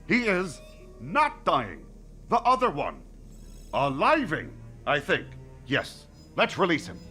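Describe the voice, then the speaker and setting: A man playing an eccentric, curious, childlike scientist in a video game, speaking precisely and with deliberate wonder. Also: fairly high pitch, huge pitch swings, sharp tone, soft background music, full character voice. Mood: musing, curious. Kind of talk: video game character acting.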